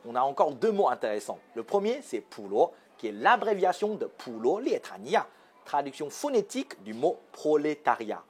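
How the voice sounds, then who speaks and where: Lively, husky-voiced man presenting. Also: sits high. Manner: playful, explanatory, with teasing questions to viewers. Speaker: show presenter. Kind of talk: scripted magazine-show presenting.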